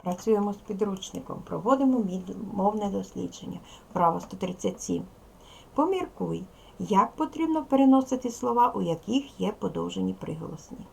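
Gravelly-voiced woman teaching young children. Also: medium pitch, expressive, a little mellow. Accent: Ukrainian. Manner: slow, careful, deliberate explanation to young pupils. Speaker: primary school teacher. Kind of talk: recorded video lesson for children.

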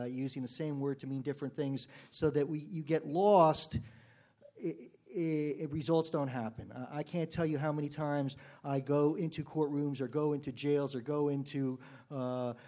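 A middle-aged man, a public defender, giving a conference keynote speech, full of restarts and growing heated and animated. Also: medium pitch. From United States. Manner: frequent uh fillers and restarts, grows heated and animated.

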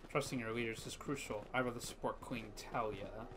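A man's voice: medium pitch, fairly quick, noisy background. A man giving casual let's play commentary on a video game. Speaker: gamer commentator. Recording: game music behind the voice. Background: game music.

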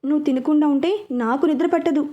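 Young woman, sulky, stubborn, pouting, storybook romance, voiced by a woman reader, high-pitched. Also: quick pace, mellow, dull audio, close to an everyday voice.

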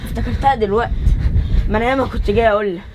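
A man's voice: extremely high pitch, fairly even intonation, very fast, noisy background. A man with an Egyptian accent playing someone who bitterly scolds a neglectful son. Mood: reproachful. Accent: Egyptian Arabic. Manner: bitter and reproachful.

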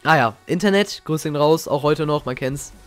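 A man's voice: fairly high pitch, brisk. Slangy young man reacting to old clips. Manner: slangy, excitable, reminiscing. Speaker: gaming YouTuber. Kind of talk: casual reaction commentary. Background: faint game music.

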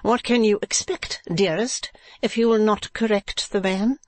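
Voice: medium pitch, fairly even intonation, a little slow, dry recording, pitched above the performer's own voice, lightly acted. A reader voicing a haughty, genteel businesswoman wife in a classic novel, with an imperious, scolding manner. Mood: pouting reproach. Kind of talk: classic novel audiobook character.

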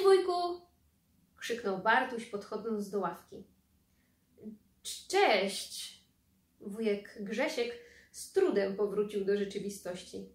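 A woman who is a school librarian, reading a children's book aloud in a calm, measured storytelling manner. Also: medium pitch. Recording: echoey room.

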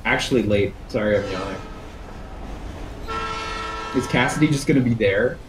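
A man's voice: mid-range voice, moderate pace, background noise. A young man co-hosting a let's play, chatting about the game in a laid-back way and thinking aloud as he talks. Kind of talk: casual gameplay commentary. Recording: roomy echoey mic.

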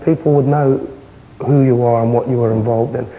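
A young man with a South London accent, answering interview questions in a matter-of-fact, halting way. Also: medium pitch, fairly even intonation, warm tone, rough recording. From South London, England. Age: young adult. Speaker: interviewee, former far-right insider. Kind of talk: candid television interview. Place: indoor television interview, close camera.

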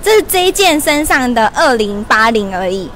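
A bubbly young woman with a high voice chats and giggles through a live-stream shopping promo. She talks into a hand-held lapel mic inside a large mall store, with faint shop ambience behind her. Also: very animated, moderate pace, a bit bright, slight background noise. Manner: bubbly, laughing, chatty. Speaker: livestream shopping host. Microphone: wired lapel mic held in hand.

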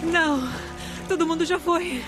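A woman's voice: very high-pitched, unhurried, over music. A woman dubbing a frightened, grateful young flood survivor in an action film, with a Brazilian accent. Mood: desperate. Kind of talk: dubbed action film dialogue.

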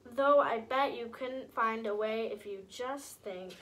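A woman voicing a kindly, encouraging old garden gnome in a storybook reading, gentle and coaxing. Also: a little high, slow.

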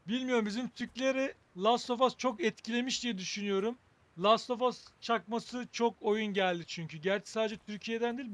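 High-voiced man doing casual gaming commentary. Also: a bit bright. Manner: wry, joking, thinking aloud. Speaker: gaming video host. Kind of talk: casual game playthrough commentary.

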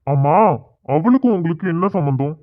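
A smug cartoon groom brushes off and threatens a gang of schoolboys, played by a man. His voice sits a little high, and it comes through tinny and phone-like. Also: expressive, brisk, close to an everyday voice. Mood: threatening. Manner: dismissive, threatening.

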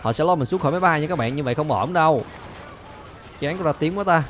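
A man hosting a gaming channel, chattering excitedly to viewers as he plays and repeating his phrases, with faint game gunfire behind him. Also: fairly high pitch, fast talker, a little hiss or hum. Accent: Vietnamese. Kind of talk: excited gameplay commentary.

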